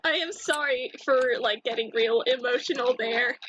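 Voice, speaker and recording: A woman with a high, bright voice chats casually at a tabletop game. She speaks slowly but gets excitable, swearing when something catches her off guard, with faint noise behind her. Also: dull audio. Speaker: player.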